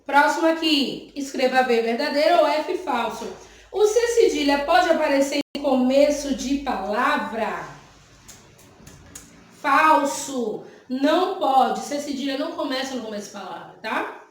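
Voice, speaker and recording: A woman teacher with a Brazilian Portuguese accent patiently explains exercises to young pupils in a remote lesson, checking in with them often. Her voice is high with lively intonation and an unhurried pace, in a very echoey room.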